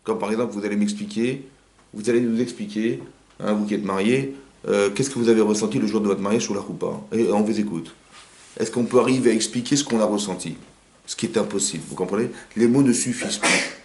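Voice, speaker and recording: A man who is a rabbi giving an informal Torah class in a private home, talking quickly and firing rhetorical questions at his listeners. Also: on the low side. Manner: rapid, animated, asks the audience rhetorical questions. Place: living room of a private home. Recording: roomy home recording.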